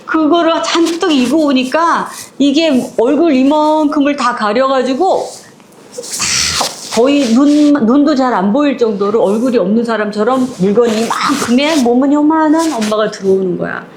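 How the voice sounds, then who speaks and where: Brief: woman storyteller, lively and conversational, fairly high-pitched. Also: normal speed, noisy background. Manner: lively, chatty, acts out the characters. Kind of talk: casual oral retelling of a short story.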